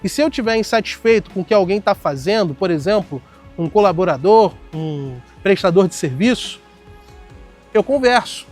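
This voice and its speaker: A man with a Brazilian Portuguese accent giving blunt, firm self-help advice in a direct monologue, telling stories from his own work in an even tone. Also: high-pitched, normal speed, soft background music. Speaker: self-help video host. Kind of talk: direct motivational monologue with anecdotes.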